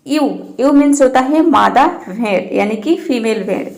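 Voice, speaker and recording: A woman teaching English pronunciation in Hindi, spelling out letters and repeating each example word slowly and patiently. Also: high-pitched, darkish tone. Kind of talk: Hindi-language pronunciation lesson.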